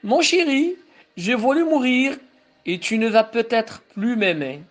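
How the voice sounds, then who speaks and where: A frightened young woman facing death speaks softly and tenderly, read aloud by a woman. The voice sits fairly high and the lines come slowly and carefully. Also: animated. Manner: slow, careful reading aloud.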